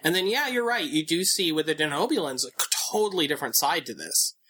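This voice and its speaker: Man, podcast co-host, bright tense voice, slightly high, rambling, lots of ums and restarts. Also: very animated, fast talker, slightly rough. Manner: rambling, thinking aloud with many fillers and restarts. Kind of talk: casual chat.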